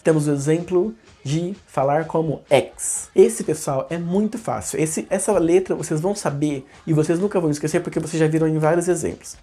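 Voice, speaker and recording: A man's voice: a little high, mellow, breathy edge. A man giving a casual online English lesson, explaining in a rambling way and often correcting himself mid-sentence.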